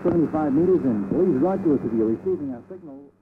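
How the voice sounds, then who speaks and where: Man, pirate radio broadcast, formal station announcement, tinny narrow sound, loud static hiss. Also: fairly high pitch, animated, fast talker. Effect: pirate radio broadcast received over shortwave. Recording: tinny, noisy shortwave reception.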